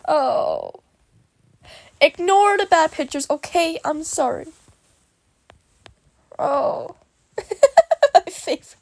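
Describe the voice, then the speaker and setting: A woman casually reacting to fan art, excitable and giggly, gasping and exclaiming often. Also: high-pitched, takes it slowly, creaky, long pauses, dry recording.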